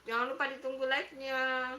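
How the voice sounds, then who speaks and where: A woman's voice: high-pitched, monotone, fairly quick, pushed and bright, slight background noise. A middle-aged woman with an Indonesian accent, hosting a casual live stream and chatting in a motherly way as she reads viewers' comments. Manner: motherly, chatty, repeats herself while reading comments. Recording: echoey room.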